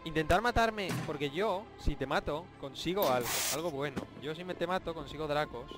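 Excitable young Spanish gamer, loud yelps. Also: male voice, on the high side, normal speed. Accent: Spanish (Spain). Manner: jokey, excitable, yelps and shouts at surprises. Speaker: gaming YouTuber. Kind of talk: Minecraft let's play commentary. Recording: game music playing behind. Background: game music.

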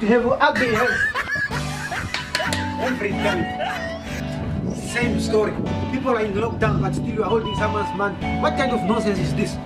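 An angry man in a comedy skit shouts to get his money back. His voice sits very high and carries from a distance. Loud music plays under an echoey room. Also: normal speed, pauses often.

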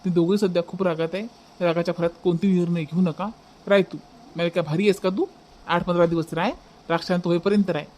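A man voicing a caring young brother in a cartoon dub, with a Varhadi Marathi accent, questioning and calming his family. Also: high voice, fast, lightly acted. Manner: surprised questioning, then calming. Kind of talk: cartoon dubbing.

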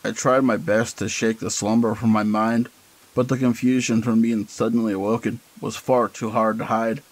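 A man with a low voice narrates a horror tale in a measured, deliberate reading. His delivery is steady and unhurried, built for a spoken story. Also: poor audio.

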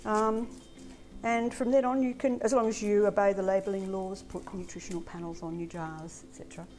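Older woman, relaxed chatty home cook, home kitchen, lapel mic, music bed clearly audible underneath. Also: mid-range voice, fairly quick. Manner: relaxed, plain-spoken, frequent ums. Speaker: guest chutney maker. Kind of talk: casual cooking chat.

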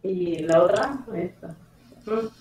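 A woman's voice: lowish voice, slow, a little mellow, a little hiss or hum. Hesitant woman student in an echoey room. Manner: hesitant, unsure answers. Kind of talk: answering in class.

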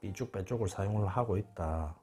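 A man's voice: low voice, a little fast, darkish tone, faint music behind. A man giving an informal spoken lecture, emphatic and repeating words over and over. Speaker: channel host.

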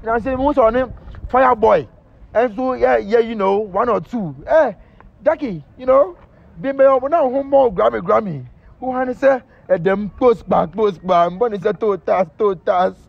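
A Ghanaian man hosts celebrity gossip in a very high, gravelly voice. He rambles playfully and stays animated. The recording sounds dull and lo-fi. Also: normal speed. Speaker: entertainment news host. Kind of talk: casual gossip commentary mixing English and Twi.

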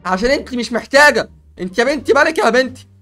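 A man with an Egyptian accent, playing a barber in a comedic game role-play, joking and stammering in quick repeats. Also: very high voice, animated, pushed and bright, faint music behind.

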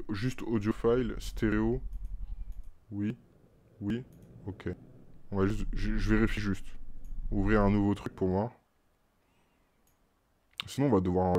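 A male streamer with a French accent, chatting casually on a live stream and muttering to himself with halting restarts. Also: low-pitched, darkish tone.

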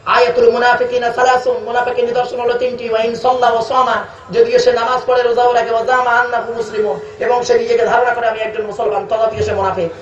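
Man, West Bengal Bengali accent, waz preacher, very high voice, distant dull loudspeaker sound. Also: flat delivery, slight background noise. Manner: chants Quranic verses slowly, calls listeners "baba". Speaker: preacher at a religious gathering. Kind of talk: waz sermon. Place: outdoor religious gathering on loudspeakers. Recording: echoey, distant, dull public address sound.

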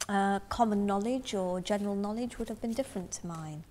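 A middle-aged woman from Zambia telling her life story in an interview, thoughtful and halting, often restarting her sentences, recorded close up in a dark room. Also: medium pitch, slight background noise. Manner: thoughtful, halting, with frequent restarts and soft asides. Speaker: interviewee in a community film. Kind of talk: reflective personal storytelling.

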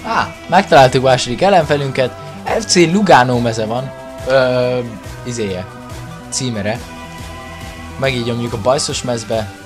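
A Hungarian man commentates his own football video game in an excited, exclamatory way. His voice sits at a medium pitch, and music plays clearly behind him. He stretches words as he follows the play. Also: pauses often. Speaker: gaming video creator commentating own match.

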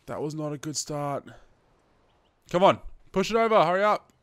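This gaming video host, a twenty-something Australian, talks through gameplay on a headset in a sweary, chatty manner, addressing viewers as guys. He sounds a little sniffly with hay fever, and his smooth voice is on the high side with lively intonation at a moderate pace. The recording is dry.

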